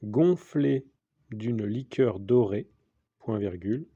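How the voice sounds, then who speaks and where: A man dictating a text as a teacher, deliberately, in short repeated phrases with the punctuation spoken aloud. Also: on the low side, animated, mellow, no echo. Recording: dull lo-fi sound.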